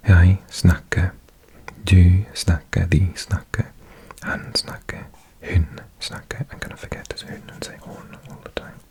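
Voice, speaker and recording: A man whispers an unhurried ASMR study session, his breathy voice sitting low. He murmurs close to the microphone and thinks aloud as he sounds out words. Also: little pitch movement, darkish tone. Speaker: ASMR creator.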